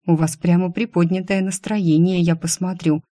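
A woman's voice: on the low side, fairly even intonation, normal speed, mellow, no room sound, studio quality, close to an everyday voice. A woman reading an audiobook, voicing a flustered young female employee who pleads and protests. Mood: grumbling.

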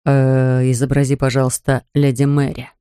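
A man reading an audiobook, voicing an amorous, indulgent young man in a lowered, murmuring voice, in a dry studio. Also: completely flat delivery, normal speed, dark tone, smooth, no room sound, close to an everyday voice.

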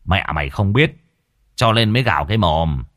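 A man doing a gruff scolding father. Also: sits low, expressive, brisk, fairly bright tone. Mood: angry scolding. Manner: harsh, scolding, barking orders. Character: gruff bad-tempered middle-aged father.

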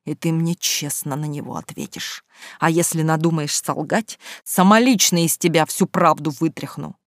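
A narrator voicing a domineering middle-aged man who shouts threats in a story read aloud. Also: mid-range voice, normal speed, no echo, clean studio sound, close to an everyday voice. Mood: coldly threatening.

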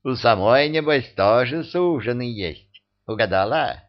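A man's voice: mid-range voice, expressive, unhurried, lightly acted. A man voicing a homely, cunning old witch held in chains, chatty, folksy and coarse. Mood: teasing. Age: older. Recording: dull lo-fi audio.

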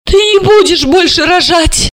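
A woman voicing a shrill, hysterical older mother who shrieks and scolds her grown daughter. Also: expressive, a little slow, no echo. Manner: shrieking, scandalized, dramatic.

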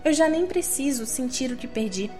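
Young woman, slightly high-pitched, theatrical self-mocking literary reader over faint music. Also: expressive, normal speed, darkish tone. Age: young adult. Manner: theatrical, wry, self-mocking, shifting pace. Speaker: reader of her own literary monologue. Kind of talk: dramatic literary reading.

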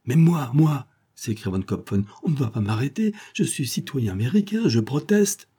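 A man's voice: lowish voice, unhurried, dark tone, breathy edge. Man doing a stammering, shifty big rogue. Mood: protesting. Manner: stammering, protesting, feigned innocence. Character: huge, shifty, naive-acting male rogue. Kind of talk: audiobook character voice.

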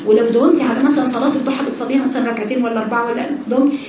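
A woman with an Egyptian accent giving a fast, animated religious lesson to women, mixing everyday speech with recited scripture. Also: on the high side, slight background noise. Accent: Egyptian Arabic. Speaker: religious teacher. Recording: echoey room, voice from far off.

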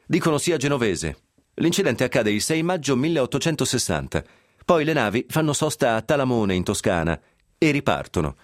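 A man's voice: medium pitch, big pitch swings, moderate pace, no room sound, clean studio sound. A man reading a scripted history piece on the radio, telling it with a wry, ironic edge and sly asides. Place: radio studio.

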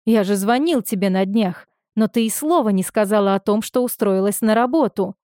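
A woman's voice: mid-range voice, moderate pace, warm tone, dry recording, clean studio sound, lightly acted. A woman voicing an angry, domineering young man who speaks in curt commands.

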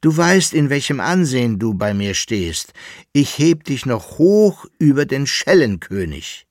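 Here is a brash, impudent servant who scolds his master in a high, shrill, cheeky voice, loud and pushy in every phrase, as a male reader puts him on. It sits close and dry, at a slow, dragging pace. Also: big pitch swings, no echo.

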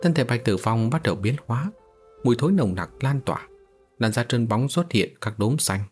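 A man narrating a fantasy audiobook in a steady storytelling delivery. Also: medium pitch, moderate pace, soft background music.

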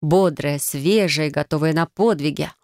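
A woman narrating a first-person fantasy story in an even, expressive reading. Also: low voice, measured pace, no room sound. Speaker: audiobook narrator.

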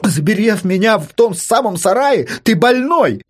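Man doing a trapped young guy, frantic, shouting, high husky voice, swooping pitch, storybook. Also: big pitch swings, a little slow, heavily acted. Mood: panicked yelling. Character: panicking young man locked in a shed.

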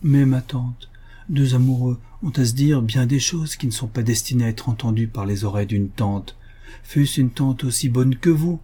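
A man reading aloud voices a playful young girl in love, in a teasing, lively way. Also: medium pitch, normal speed, breathy edge, lightly acted. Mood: pleading.

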